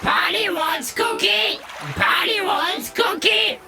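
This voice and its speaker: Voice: very high-pitched, very noisy, full character voice. An actor voicing a squawking mechanical parrot in a video game, a simple-minded robot bird that repeats its demands. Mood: eager, demanding. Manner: robot bird squawk, repetitive drawn-out phrases. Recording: loud music behind.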